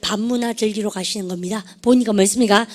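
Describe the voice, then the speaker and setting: A woman's voice: mid-range voice, fairly even intonation, quick pace, darkish tone. A woman teaching an English vocabulary lesson, leading call-and-response drills and constantly addressing her students. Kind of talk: lively classroom-style vocabulary lesson.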